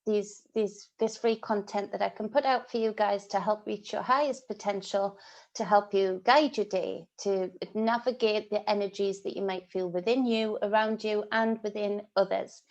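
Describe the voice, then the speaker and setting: A British woman tarot reader, congested and sniffly, gives a casual spiritual reading in a vlog monologue. Her medium-pitched, darkish voice stays steady at normal speed, while her talk rambles with ums and restarts.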